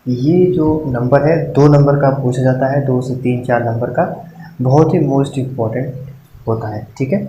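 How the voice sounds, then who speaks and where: A man with a medium-pitched, mellow voice teaches a Hindi spelling lesson for exam preparation in a casual classroom style. He repeats words slowly and keeps checking in with listeners with a frequent "ठीक है", in an echoey room with faint noise.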